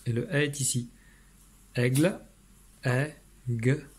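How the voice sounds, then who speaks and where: A man's voice: medium pitch, moderate pace. Man, teacher, explaining to parents, patient, fillers and restarts.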